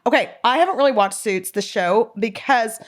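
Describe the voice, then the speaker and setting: A middle-aged woman, co-hosting a casual podcast chat and talking quickly. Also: a little high, expressive. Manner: chatty, quick, Southern turns of phrase. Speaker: podcast co-host.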